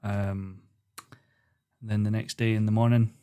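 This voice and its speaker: A young man, a podcast guest chatting casually and telling stories in a calm, unhurried way. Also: on the low side, smooth. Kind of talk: casual chat.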